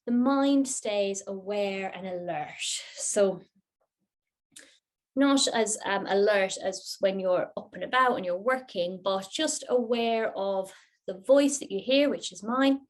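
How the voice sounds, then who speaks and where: A woman with a medium-pitched voice teaches a yoga nidra class. She gives guided relaxation instructions gently, unhurriedly and soothingly.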